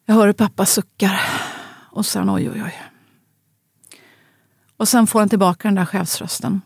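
Husky, gravelly woman telling a grave story. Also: medium pitch, steady tone, no room sound. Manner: quiet, halting and grave. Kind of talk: scripted personal narration.

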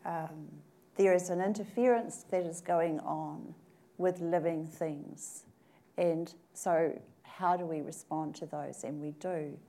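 A woman from New Zealand speaking on a panel, thoughtful and measured, pausing often to gather her words. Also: sits low, fairly even intonation, warm tone. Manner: thoughtful, measured, with frequent pauses and fillers. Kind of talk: panel discussion. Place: conference room at a table.

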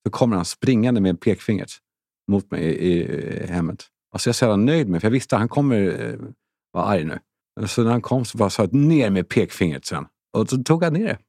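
Swearing podcast host, dry sound. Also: male voice, on the low side, animated, a little mellow, no echo. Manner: profane, storytelling, laughs often. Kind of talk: casual chat.

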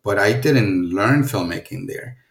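Gravelly and on the low side, this middle-aged man from Mexico speaks unhurriedly with a Mexican accent in an echoey room. He is a film producer chatting casually in an interview, meandering with lots of fillers and restarts.

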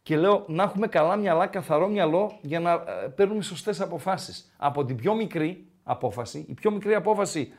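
Podcast co-host, male, slightly raised pitch, repeats lines in a grumbly banter. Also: hardly any pauses. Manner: grumbling, repetitive, playful. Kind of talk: casual chat.

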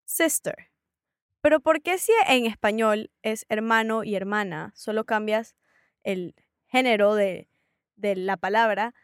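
A woman's voice: mid-range voice, a little slow, no echo, studio quality. A woman learning English, repeating each word after her teacher and asking curious questions. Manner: repeats words back, asks curious questions. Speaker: student. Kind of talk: language lesson dialogue.

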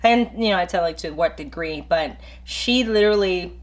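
A woman co-hosting a podcast, relaxed and giggly, with many affirming fillers. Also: on the low side, moderate pace. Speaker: podcast co-host. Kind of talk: casual chat.

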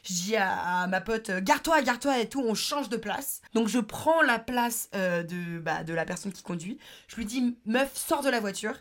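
A woman's voice: medium pitch, moderate pace, few pauses. Fields: Sex: woman. Style: chatty anecdote podcast. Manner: slangy, chatty, lots of fillers. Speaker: podcast host. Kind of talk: casual anecdote storytelling.

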